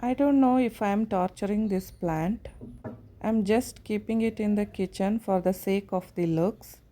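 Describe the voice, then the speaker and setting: A woman with a South Indian accent narrates a homely vlog at an unhurried pace. Her voice is mid-pitched and mellow, with a gently hesitant, everyday way of putting things. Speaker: home vlogger.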